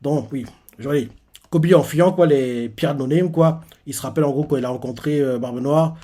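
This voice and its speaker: A man's voice: fairly high pitch, mellow. A young man casually retelling a manga chapter during a live reaction, hesitating often and padding his sentences with fillers. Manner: hesitant, filler-heavy retelling with many pauses.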